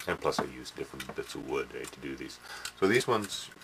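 A middle-aged man with an extremely low voice talks through his workshop craft in a loose, rambling way. He trails off, restarts, and tags sentences with "eh". A steady hiss of noise sits under the camcorder audio. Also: brisk. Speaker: hobby modeler. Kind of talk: casual workshop demo. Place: small indoor workshop. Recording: noisy home camcorder audio.

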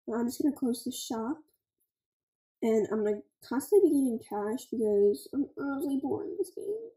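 A woman's voice: fairly high pitch, moderate pace, dark tone, roomy sound, rough recording. A young woman, giving chatty, scattered gameplay commentary full of "like" and "okay" as a gaming channel host.

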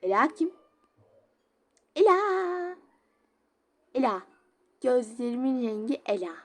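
A woman's voice: on the high side, slow pace, a little mellow. A woman chatting casually while she plays a game, giggling often and reading chat messages aloud. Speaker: game streamer. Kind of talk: casual gameplay commentary.

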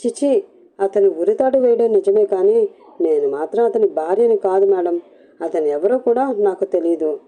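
A woman's voice: medium pitch, animated, normal speed, mellow, close to an everyday voice. A woman voicing a scared young woman begging and pleading in a storybook reading. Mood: tearful. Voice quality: pleading, tearful. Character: frightened young woman, begging, fleeing a captor.

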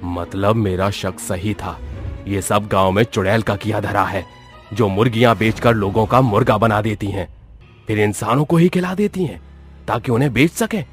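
A man voicing a suspicious village headman in a cartoon, speaking slowly and low to himself. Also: soft background music, lightly acted. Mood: brooding. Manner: slow, low, brooding.

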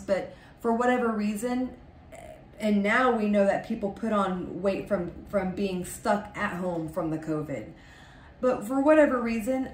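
A woman's voice: medium pitch, a little mellow, distant mic. A woman in her forties chats through coaching tips in an easy, upbeat way, full of little fillers. She sits a little back from the mic in a small home office. The room rings with echo and a faint hiss sits underneath. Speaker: podcast host and fitness coach. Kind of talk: casual podcast monologue.

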